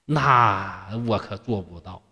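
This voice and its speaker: A man's voice: lowish voice, takes it slowly, creaky, bright, forceful tone, in a large hall, pitched below the performer's own voice, exaggerated voice. A man voicing a carefree young male scholar who answers in easygoing, jokey colloquial retorts. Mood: playful.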